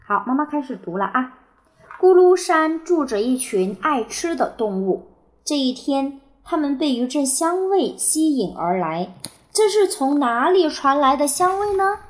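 High-voiced mother reading a storybook. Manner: gentle, expressive storytelling. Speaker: mother reading to her child. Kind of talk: reading a picture book aloud.

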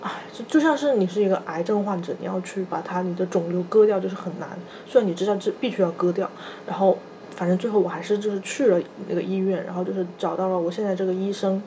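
A woman in her thirties, a podcast co-host, telling a personal story in a soft, halting way, often repeating small fillers. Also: mid-range voice, a little hiss or hum. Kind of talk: personal storytelling in casual chat.

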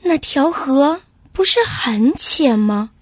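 A woman as a gentle mother horse. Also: high-pitched, lively intonation, slow pace, dry recording. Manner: soft and soothing.

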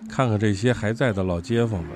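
A man's voice: fairly low pitch, fast, over loud music. A man with a Beijing accent hosting a casual, joking conversation. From Beijing, China. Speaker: talk show host.

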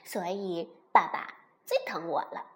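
A woman voicing a boastful, smug little male baby ankylosaur who brags in a drawn-out way in a children's storybook. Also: on the low side, pitched below the performer's own voice, close to an everyday voice.

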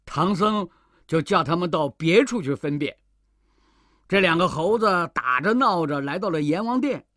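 Lively woman telling a children's story. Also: on the low side, normal speed, no room sound, clean studio sound. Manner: lively and expressive, with playful interjections.

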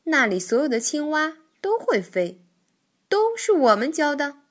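A woman voicing a polite, scheming male stork in a children's storybook, smooth and coaxing. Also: high-pitched, big pitch swings, measured pace, pitched above the performer's own voice. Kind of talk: storybook reading.

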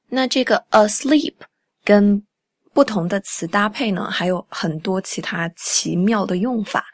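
A woman's voice: medium pitch, no echo, studio quality. Chatty young woman teaching English. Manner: explains chattily, repeats English phrases slowly and clearly. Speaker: English teacher and podcast host. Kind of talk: casual podcast English lesson in Chinese.

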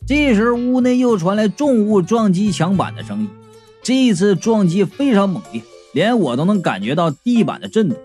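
A storyteller narrating a comic serialized tale in a lively, animated way, acting out each character. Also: medium pitch, normal speed, faint music behind.

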